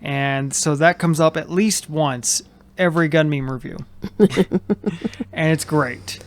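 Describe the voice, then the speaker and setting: A man's voice: fairly high pitch, fairly even intonation, slow. A man hosting a casual chat from his home studio, loose, joking and rambling as he talks. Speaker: host. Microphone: headphones with mic.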